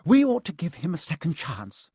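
A man voicing a fat, jolly little ghost monk who speaks gently and forgivingly. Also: fairly high pitch, huge pitch swings, normal speed, breathy edge, dry recording, studio quality, pitched above the performer's own voice, full character voice.

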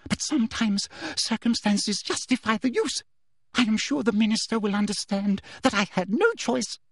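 A man voicing a smug, menacing middle-aged woman official with a breathy, simpering delivery, in an audiobook story. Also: sits high, moderate pace, dry recording, clean studio sound, pitched above the performer's own voice. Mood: agitated self-justifying.

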